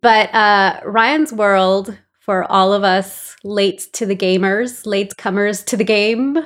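A woman's voice: medium pitch, fairly even intonation, takes it slowly. Chatty woman podcast co-host from El Salvador. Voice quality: chatty, explanatory, laughs easily. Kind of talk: casual chat.

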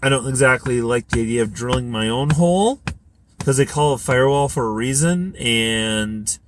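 A man's voice: medium pitch, normal speed, noisy background. A man hosting his own podcast, chatting casually and thinking aloud with lots of fillers while driving his car. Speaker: podcast host. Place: inside a car.

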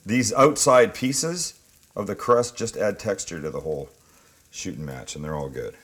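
Like a cooking show host, a man walks viewers through a dish in a chatty, informal, opinionated way. His voice is lowish and a bit bright, at normal speed. Kitchen clatter is clearly audible in the background.

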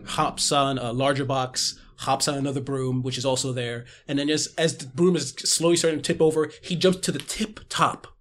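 A man's voice: mid-range voice, steady tone, moderate pace, few pauses, fairly bright tone, a little hiss or hum. A man playing a tabletop game, casually narrating what his character does.

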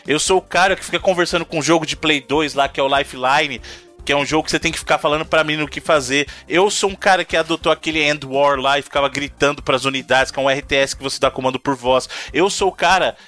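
A Brazilian man co-hosting a casual video game podcast argues his point emphatically, repeating himself for emphasis. His voice is on the high side, quick, bright, and forceful, with faint music behind him.

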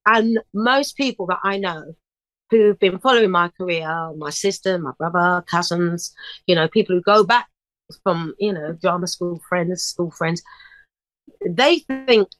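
A woman's voice: lowish voice, unhurried, no echo, poor audio. Chirpy, upbeat middle-aged woman, dry close sound. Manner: chatty, upbeat and chirpy, animated storytelling. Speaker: singer and DJ guest. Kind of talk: casual interview chat.

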